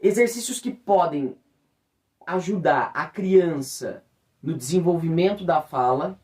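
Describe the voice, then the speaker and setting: A man from Brazil, a teacher and voice coach, giving an instructional talk and varying his pitch expressively to demonstrate speaking. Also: measured pace. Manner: expressive, swings pitch widely to demonstrate speech. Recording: voice somewhat distant from the mic.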